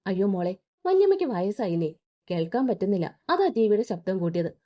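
A woman's voice: medium pitch, big pitch swings, brisk, dark tone. A woman voicing a spiteful older aunt who speaks with false sweetness and scorn. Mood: mocking.

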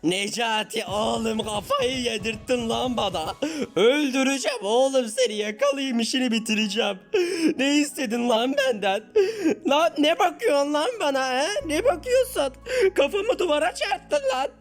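A performer voicing a furious, hot-headed young man in a block-game cartoon parody, shouting insults and threats. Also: high-pitched, lively intonation, normal speed.

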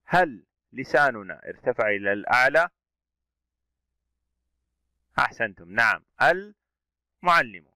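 A man teaching an Arabic reading lesson, sounding out letters and vowels slowly, asking questions and praising his pupils. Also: medium pitch, sing-song, bright, forceful tone, smooth, no room sound. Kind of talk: classroom reading drill.

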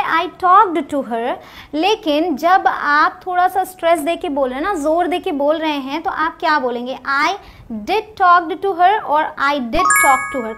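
A young woman teaching English grammar in an online lesson, explaining step by step and reading example sentences slowly and deliberately. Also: extremely high pitch, very noisy. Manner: explains step by step, checks in with "clear?".

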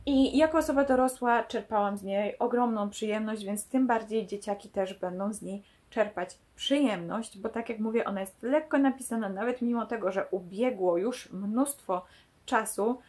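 A woman book vlogger who compares a novel with its screen adaptation in a chatty way. She often hesitates and restarts, and her voice sits at a medium pitch. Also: moderate pace, a little mellow. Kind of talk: casual book-versus-film discussion.

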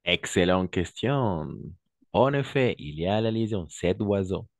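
Patient male French teacher, slow and deliberate, lowish voice, dry close sound. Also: lively intonation, no room sound. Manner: patient, repeats words slowly, frequent praise. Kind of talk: online class instruction.

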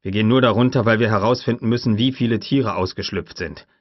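A man reading an audiobook plays a steady, determined male scientist in a firm, matter-of-fact manner. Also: on the low side, fast talker, no echo, highs cut off, pitched above the performer's own voice, natural voice. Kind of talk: audiobook character voice.

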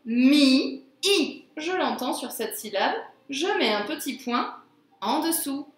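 Woman, phonics teacher for young kids, drawn-out careful words, animated pitch, echoey room. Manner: slow, careful, drawn-out word pronunciation. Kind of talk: phonics lesson for young children.

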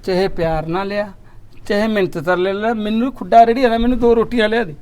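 A man's voice: sits high, steady tone, brisk, a little mellow. A man with a Punjabi accent acting in a comic village drama, pleading and grumbling as an older brother.

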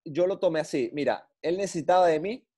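A middle-aged man, a former footballer telling blunt, animated stories in an interview. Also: on the high side, a little fast. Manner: blunt, animated storyteller with slang. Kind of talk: interview storytelling.

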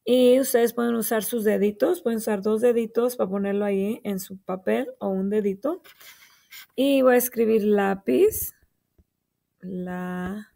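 Patiently spelling letters and pointing to each word, a woman teaches little kids to write a short sentence at an unhurried early-grade pace. Her voice, on the high side, is creaky yet mellow, and she talks at normal speed.

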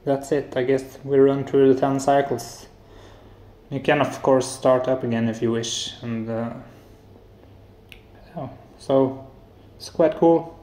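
A hobbyist maker in his thirties from Norway presents his home electronics project in a casual demo, his medium-pitched voice steady and slow. He talks with a Norwegian accent, quietly and haltingly, with many filler sounds. The setting is his apartment's living room and kitchen, indoors, with an echoey sound.

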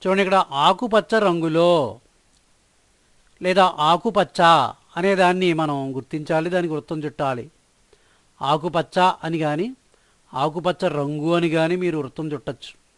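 A man teaching a children's worksheet lesson, sounding out each syllable slowly and patiently. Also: on the high side, fairly even intonation, dry recording. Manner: drawn-out syllable-by-syllable spelling, patient and instructive.

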